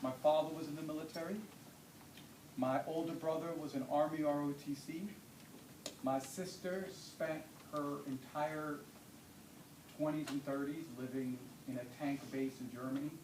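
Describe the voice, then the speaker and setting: A man in his forties from the Dominican Republic chats easily with a room of students, often tossing in a questioning "yeah?". His voice sits a little high. It is caught by a far-off mic in an echoey, noisy hall. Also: fairly even intonation, moderate pace. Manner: casual, conversational, often checks in with a questioning "yeah?". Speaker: guest speaker. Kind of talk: informal talk to students.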